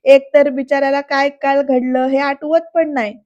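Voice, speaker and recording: A woman's voice: high voice, level tone, moderate pace, darkish tone, muffled recording, lightly acted. A woman reading the lines of a cheeky young woman friend who teases and scolds. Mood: scolding. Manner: teasing, scolding.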